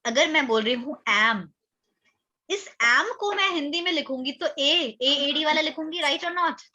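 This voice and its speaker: Woman teacher, slow deliberate pace, dull lo-fi recording. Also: sits high, animated, bright, forceful tone. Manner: asks questions to students and repeats answers. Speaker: English teacher. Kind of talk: classroom grammar lesson.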